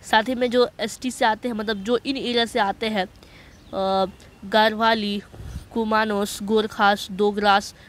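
Man, high voice, chatty screen-recording explainer, checks in with listeners, slow halting reading of English. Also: little pitch movement, a bit bright. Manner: chatty, repeats "okay" to check understanding; reads English passages slowly and haltingly. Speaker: online job-notice explainer. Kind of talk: voice-over walkthrough of a job notice. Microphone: voice-over on a screen recording.

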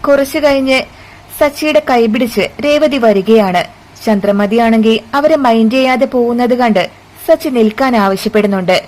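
A woman's voice: fairly high pitch, normal speed, rough recording. A woman narrating a recap of a drama serial, retelling scenes with quoted lines. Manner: steady retelling with acted quotes.

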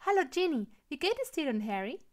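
A woman reading a story aloud and voicing an eager young woman in a bright, lively way. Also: high-pitched, normal speed, pitched above the performer's own voice. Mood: cheerful.

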